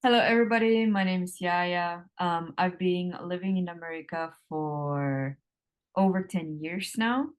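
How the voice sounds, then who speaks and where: Lady guest, lowish voice, lots of ums, slow and thinking out loud. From Czech Republic. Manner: hesitant, many ums, slowing and drawn out. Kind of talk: casual interview answers.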